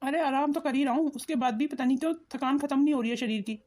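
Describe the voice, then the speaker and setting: A woman's voice: sits high, very fast, a little mellow, close to an everyday voice. A woman voicing a sick, weary husband in a cartoon who speaks in a tired, complaining way. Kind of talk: cartoon voice acting.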